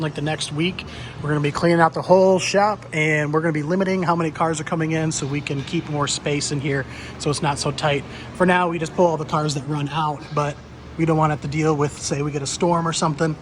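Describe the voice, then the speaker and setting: A man's voice: on the high side, a bit bright, a little hiss or hum. A man giving a casual, unscripted walkaround of a busy car workshop, talking in a blunt, offhand way with some swearing. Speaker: car shop owner giving a walkaround tour. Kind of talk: casual unscripted video tour. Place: busy car workshop, walking among cars.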